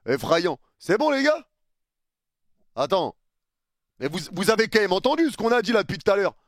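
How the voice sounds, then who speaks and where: A man's voice: sits high, sing-song, normal speed, no room sound, studio quality. A young man streaming live, chatting casually in slang and thanking viewers for their subs. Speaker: streamer reacting to a video.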